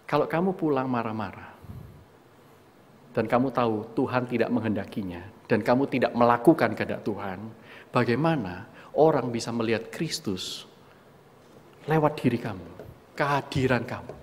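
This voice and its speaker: A man's voice: mid-range voice, darkish tone, slight background noise. A middle-aged man preaching a sermon, telling a story about himself and acting out his own outbursts, often calling his listeners "saudaraku". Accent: Indonesian. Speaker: pastor. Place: church hall. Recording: long hall reverb.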